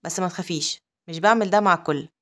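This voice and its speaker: A woman's voice: fairly low pitch, very fast, lightly acted. A woman with an Egyptian accent voicing a teasing, possessive young nobleman in a recap story. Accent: Egyptian Arabic.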